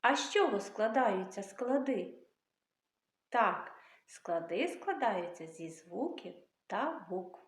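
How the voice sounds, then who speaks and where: A woman teacher quizzes young children and praises their answers. Her pitch swings in a lively sing-song way, and she speaks slowly. The recording has an echoey room sound. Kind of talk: early literacy lesson for young children.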